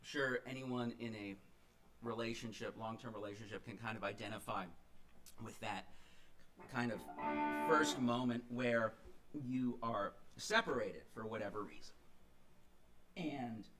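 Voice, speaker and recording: A man's voice: medium pitch, unhurried, pauses often, loud music behind the voice. A middle-aged man, a singer-songwriter, telling the story behind a song between numbers of a livestream concert, rambling with many fillers and restarts. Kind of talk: casual storytelling between songs.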